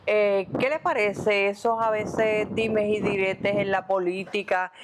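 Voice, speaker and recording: A woman interviewing a guest, pausing and searching for her words as she asks questions. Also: mid-range voice, fairly even intonation, background noise. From Puerto Rico.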